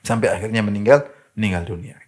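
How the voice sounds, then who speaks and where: A male preacher from Indonesia addresses a women's gathering at an ordinary pitch. He tells stories and acts out the people in them. His voice jumps higher when he quotes them. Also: quick pace, slightly rough. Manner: animated storytelling, acts out quoted wives with rising pitch. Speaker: Islamic preacher. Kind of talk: sermon to women.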